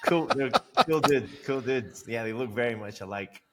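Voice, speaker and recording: A man's voice: medium pitch, moderate pace, heavy background noise. A man from Greece with a Scottish accent, talking easily as a guest in a casual podcast interview.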